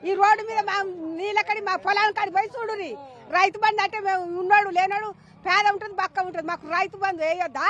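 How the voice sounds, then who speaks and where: A woman's voice: very high voice, fairly even intonation, quick pace, a bit bright, lo-fi sound, slight background noise. A woman farmer with a Telangana Telugu accent, speaking outdoors in a news interview in a pleading, aggrieved way. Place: outdoors among fields.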